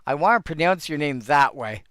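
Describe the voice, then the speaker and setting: A man's voice: on the high side, lively intonation, a little fast, fairly bright tone, smooth, no room sound. A man hosting a casual solo commentary on old game cards, thinking aloud and rambling with frequent restarts.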